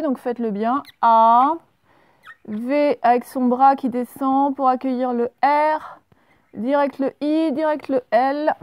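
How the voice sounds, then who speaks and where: Slow, patient schoolteacher woman. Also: high voice, a little mellow, no room sound. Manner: slow, spells out letters step by step. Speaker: primary school teacher. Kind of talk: remote handwriting and dictation lesson.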